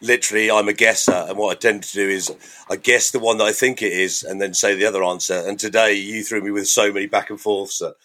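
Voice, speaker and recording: A man's voice: lowish voice, fairly even intonation, fast, sharp tone. A man co-hosting a podcast in casual, bantering chat. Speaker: podcast co-host.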